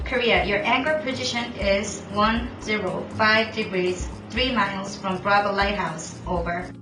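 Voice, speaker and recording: A woman's voice: medium pitch, steady tone, unhurried. A woman playing a port control operator on a marine radio call, speaking in clipped, formal radio procedure. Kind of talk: scripted maritime radio role-play. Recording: echoey room with music underneath.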